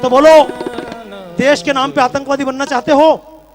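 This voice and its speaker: A man's voice: extremely high pitch, little pitch movement, moderate pace. A male religious speaker giving a fiery speech to a large tent gathering, firing rhetorical questions at the crowd.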